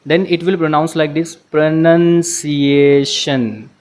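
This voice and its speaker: Slow-speaking teacher. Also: male voice, fairly high pitch. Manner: mixes Hindi and English, explains patiently. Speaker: English teacher. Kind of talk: classroom lecture. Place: classroom.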